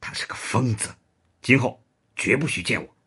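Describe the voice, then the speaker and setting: A man voicing a stern, curt middle-aged spy chief in a low, gruff, clipped voice. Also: lively intonation, normal speed, bright, forceful tone, full character voice.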